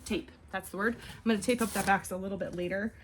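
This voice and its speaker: A woman's voice: medium pitch, steady tone, quick pace, background noise. A woman in her forties chatting casually at home while packing orders, rambling and often trailing off mid-thought. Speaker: online clothing reseller.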